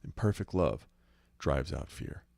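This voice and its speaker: A man preaching an informal sermon in a blunt, emphatic way, his words swinging between loud stresses and low, quiet drops. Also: animated, unhurried, gravelly, dry recording.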